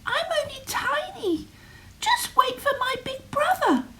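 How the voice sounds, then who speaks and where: A woman voicing the smallest billy goat, a tiny frightened young goat who pleads in a high voice in a storybook reading. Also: big pitch swings, a little slow, pushed and bright, heavily acted. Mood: pleading.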